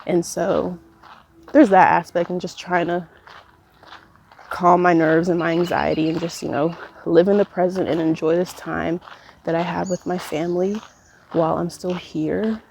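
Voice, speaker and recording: A woman's voice: on the low side, little pitch movement, normal speed, creaky, darkish tone, slight background noise. A woman in her twenties musing pensively in a casual, reflective solo vlog, letting her thoughts trail as she goes. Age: 20s. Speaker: vlogger. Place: walking while recording, as a walk-along vlog.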